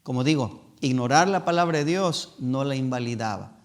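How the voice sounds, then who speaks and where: A man preaching a sermon as an evangelist in a church, reading scripture slowly and acting out excuses in a raised voice. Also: mid-range voice, expressive. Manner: reads scripture slowly and deliberately.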